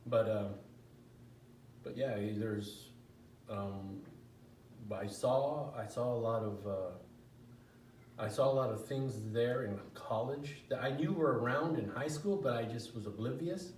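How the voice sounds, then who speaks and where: A middle-aged man tells his life story in a relaxed interview, doubling back and restarting often. He is heard from a little way off in a very echoey room, with noticeable background noise. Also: mid-range voice, a little slow, pauses often, recorded from a distance. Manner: rambling, restarts often, chuckles now and then. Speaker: interview guest. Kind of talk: casual personal storytelling interview.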